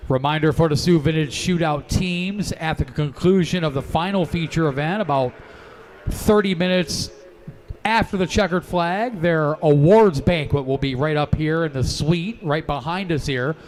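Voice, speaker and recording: A man's voice: fairly high pitch, normal speed. A man working as a race announcer, giving live motorsport commentary in a proclaiming track announcer's delivery. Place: broadcast booth at a racetrack. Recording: background noise at outdoor race.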